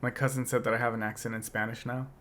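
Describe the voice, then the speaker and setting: A young adult male podcast co-host is a fast talker with a medium-pitched, fairly bright voice and level tone. His casual chat comes across as reflective, with frequent restarts.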